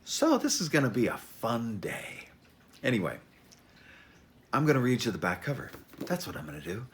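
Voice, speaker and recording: An author introduces his memoir, chatting informally and reading with drama, often interrupting himself haltingly, tossing in wry asides and leaning on theatrical emphasis. His mid-range voice is very animated.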